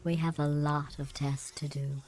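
An actress voicing a cold, sarcastic female AI in a game, calm and mock-polite with passive-aggressive barbs. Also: sits low, moderate pace, noisy background, lightly acted. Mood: coldly polite. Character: cold sarcastic female AI running test chambers.

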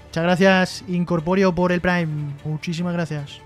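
Man, high voice, live-stream host, jokey reading chat aloud, light music in the background. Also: fairly even intonation, moderate pace. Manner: joking, reads chat messages aloud and replies.

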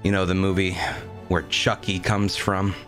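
A man's voice: low voice, flat delivery, a little slow, fairly bright tone. A young man chatting casually on a livestream, rambling informally as he tells stories. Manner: rambling, informal storytelling with swearing. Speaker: game streamer. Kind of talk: casual livestream chat over gameplay. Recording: game music behind the voice. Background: game music.

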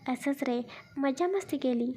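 A woman's voice: sits high, measured pace, dark tone. A woman voicing a cheeky young man who teases the newlyweds in a spoken story. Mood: teasing. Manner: teasing.

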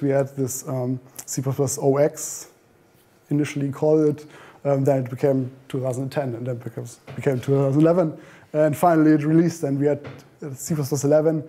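Picked up by a camera at the back of a meeting room, this meetup talk comes from a man in his thirties whose voice is a little high with a dark tone. He speaks informally, and his conference talk is riddled with ums, restarts, and self-corrections.

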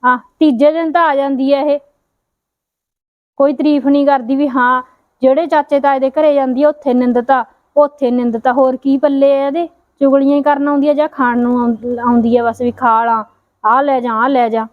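A woman plays a quarrelsome young wife, her voice high and cutting. She taunts and scolds without letup. The sound is dry and slightly muffled. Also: steady tone, moderate pace, no room sound, close to an everyday voice. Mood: angry. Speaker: quarrelsome sister-in-law. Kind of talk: Punjabi short film acting.

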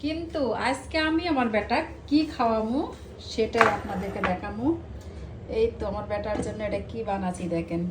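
A woman's voice: mid-range voice, normal speed, very noisy. A middle-aged woman, talking nonstop in a casual home vlog and scolding her family. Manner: scolding, talkative, nags loudly. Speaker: vlogger and mother. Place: home kitchen and bedroom.

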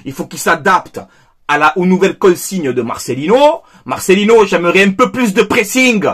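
A man's voice: sits high, normal speed, a bit bright, breathy edge. An angry man, giving a heated football debrief as a fan commentator, emphatic and repeating himself. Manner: heated, emphatic, repeats phrases, addresses viewers as "les gars". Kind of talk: angry post-match debrief monologue.

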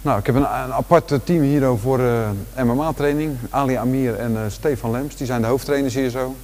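A man in his forties with a Rotterdam Dutch accent, giving a relaxed walking tour of his large indoor gym, talking casually with lots of fillers and restarts. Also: medium pitch, normal speed. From Netherlands. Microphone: handheld camera following him.

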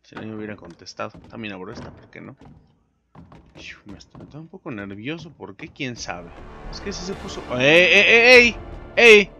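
A man with a Mexican Spanish accent giving live gameplay commentary, excitable and swearing a lot, yelling during fights. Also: on the low side, fairly quick, creaky. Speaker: gaming video host. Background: game music.

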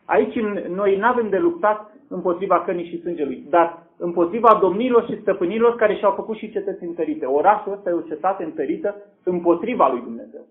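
A man preaching a sermon in a fairly high voice, posing questions to his congregation and answering them himself. The recording sounds thin and tinny, as if it came over a phone line. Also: few pauses.

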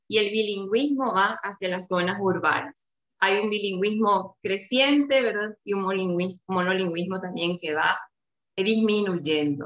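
A linguistics researcher with a Paraguayan Spanish accent gives an academic seminar talk over a video call. Her mid-range voice is a bit bright and sounds roomy, and she explains things using lots of tag questions and fillers.

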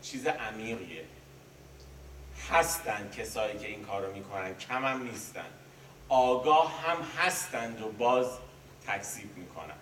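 A man's voice: lowish voice, animated, a bit bright, a little hiss or hum. A man teaching a poetry class, reciting verses and then explaining them casually, often stopping to correct himself. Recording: echoey room, mic at a distance.

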